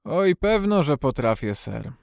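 A man doing a gruff old gardener, slow and stubborn. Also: medium pitch, big pitch swings, darkish tone, no room sound, studio quality, pitched above the performer's own voice.

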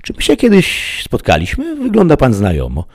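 An eager young deputy barks orders in a strained, high voice, acted by a male narrator. His husky tone stays urgent and loud, and his pitch leaps about. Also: huge pitch swings, moderate pace, exaggerated voice. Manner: urgent, commanding.

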